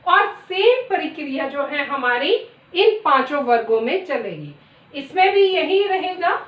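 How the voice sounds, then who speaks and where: Woman teacher going slow through her lesson, high voice, echoey room, mic kinda far and dull. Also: big pitch swings. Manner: slow, deliberate, reciting letters one by one. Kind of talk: classroom lesson.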